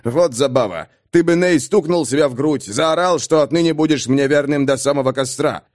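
A man voicing a brash, hot-tempered nomad chieftain in an audiobook, blustering and loud, with drawn-out mocking words. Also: a little high, dry recording, clean studio sound, natural voice. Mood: mocking boastful. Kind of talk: audiobook character voice.

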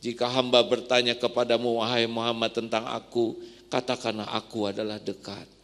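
A man preaching an emotive sermon, dropping to a hush and then rising to loud questions. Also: mid-range voice, level tone, moderate pace. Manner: emotive, swinging from soft to loud. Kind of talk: sermon to women. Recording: long hall reverb.

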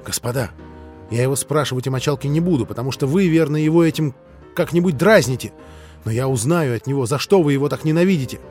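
A man voicing a kind, earnest young man in a storybook reading, gently pleading. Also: medium pitch, fast, soft background music, close to an everyday voice.

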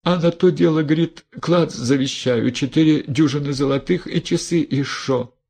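A man's voice: on the high side, moderate pace, creaky, a little mellow, pitched above the performer's own voice. A man doing a wailing, stammering peasant woman. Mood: anxious confession. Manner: wailing, stammering "дык-дык", rustic dialect. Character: wailing, pleading peasant woman, middle-aged.

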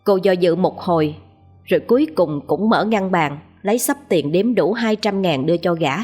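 A woman narrating a written story in a calm, even manner. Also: fairly low pitch, moderate pace, faint music behind.

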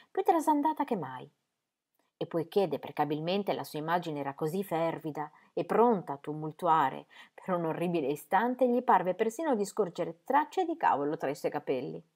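A woman's voice: on the low side, darkish tone. A woman narrating a novel for an audiobook, reading expressively and dramatically. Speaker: audiobook reader.

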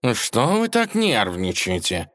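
A man's voice: lowish voice, wildly swooping pitch, measured pace, fairly bright tone, exaggerated voice. A man doing a fussy, puffing scholarly cat. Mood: flustered. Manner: puffing, grumbling. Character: cat-scholar, fussy male, pompous and awkward.

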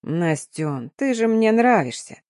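A woman's voice: mid-range voice, very animated, takes it slowly, dark tone, husky, no room sound, studio quality, exaggerated voice. A woman voicing a pushy, drunk young man in an audiobook, with a sly, purring drawl. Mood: coaxing.

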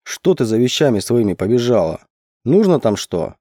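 Brief: domineering woodsman, read by a male narrator, slow and low, dark mellow tone. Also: sing-song, no room sound, studio quality. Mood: stern. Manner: slow, low, growling commands. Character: huge gruff domineering forest man.

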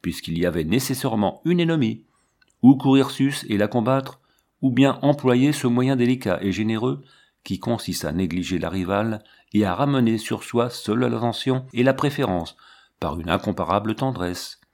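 A man narrating a classic story as an audiobook reader, in a measured way. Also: medium pitch, expressive, a little mellow. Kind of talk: scripted literary narration.

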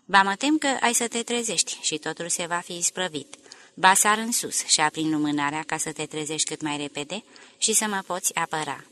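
A woman's voice: on the low side, sharp tone, slight background noise. A woman reading the lines of an anxious, tormented young woman in an audiobook, with a pleading, emotional delivery. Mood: anguished.

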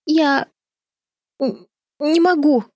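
A woman's voice: high-pitched, extremely slow, a little mellow, no echo, studio quality, pitched above the performer's own voice. Tiny scared girl, whimpering and stammering, woman narrator voicing. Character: small frightened little sister, tearful.

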